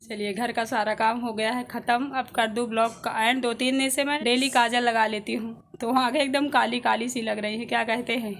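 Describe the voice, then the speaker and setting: A woman's voice: on the high side, fairly even intonation, moderate pace, hardly any pauses, fairly bright tone, reverberant, a little hiss or hum. A woman in her thirties with an Indian Hindi accent, chatting casually to viewers while doing housework at home. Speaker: vlogger. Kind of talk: casual vlog chat with viewers. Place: home kitchen.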